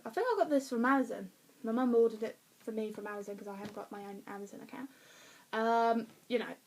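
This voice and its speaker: Woman, slightly high voice, rambling home vlog chat full of ums and restarts. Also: vocal fry, a little mellow, poor audio. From Essex, England. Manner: rambling, many fillers and restarts, laughs at herself. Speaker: vlogger reviewing a play. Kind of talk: casual chatty review. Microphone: phone or webcam.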